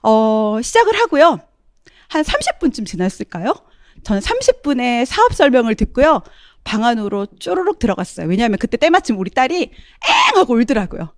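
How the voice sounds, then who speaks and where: A woman's voice: on the high side, big pitch swings, fairly quick, no echo, studio quality. A middle-aged woman giving a testimonial talk, often turning to address her audience as she tells her story.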